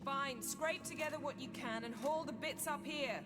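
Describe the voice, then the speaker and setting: An actress voicing a haughty, sardonic sorceress in a video game, speaking in a cool, imperious and dryly sarcastic way. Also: female voice, high voice, normal speed, natural voice. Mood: commanding. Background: game music.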